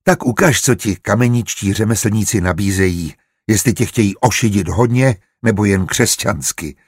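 A man's voice: lowish voice, slightly rough, dry recording, clean studio sound. A man voicing a good-natured, learned male steward who explains plans eagerly and kindly in an audiobook. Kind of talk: audiobook character reading.

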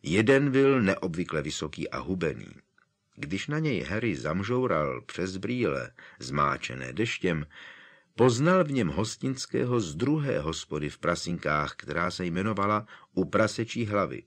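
A man narrating an audiobook with expressive, dramatic storytelling. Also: low voice.

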